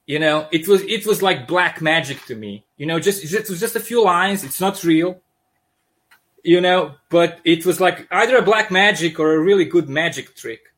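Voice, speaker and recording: This comic artist guest speaks at a moderate pace in a high-pitched voice with a thick Serbian accent, joining by video call. His storytelling is lively and jokey, with frequent sentence restarts, in a relaxed, friendly chat.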